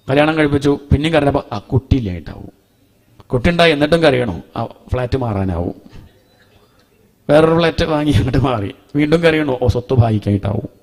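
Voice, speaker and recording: A man's voice: medium pitch, a little mellow. Man giving a homely scripture talk. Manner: chants Sanskrit verses slowly, then explains in a homely conversational way. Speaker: Bhagavatam teacher.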